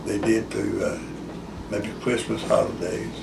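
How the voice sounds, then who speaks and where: An elderly man telling a rambling grandpa story in casual, folksy, halting talk. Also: on the low side, little pitch movement, creaky. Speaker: war veteran recalling his school days. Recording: echoey room, distant mic, loud hiss.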